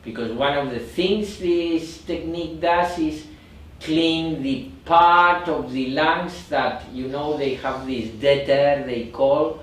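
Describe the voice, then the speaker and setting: Man, meditation teacher, slow and halting, echoey room, distant mic. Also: a little high. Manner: slow, repetitive, searching for words. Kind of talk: guided meditation instruction.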